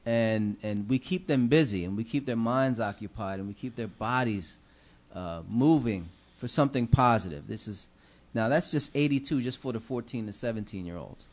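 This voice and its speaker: Seated at the dais in a council chamber, a middle-aged city commissioner offers earnest, preacherly holiday remarks into a gooseneck desk microphone. His mid-range voice has a darkish tone and normal speed, with hardly any pauses but plenty of fillers.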